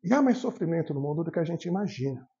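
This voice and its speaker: Male spiritist lecturer, high and quick, dark in tone, acts out his dialogues; dull lo-fi hall recording. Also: very animated. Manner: storytelling, acts out the voices in dialogues. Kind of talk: spiritist talk from the tribune.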